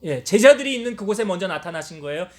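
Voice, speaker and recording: A male pastor with a high-pitched voice preaches a sermon in a church. He keeps asking his congregation questions and then answers them himself. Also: animated, fast talker. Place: church sanctuary.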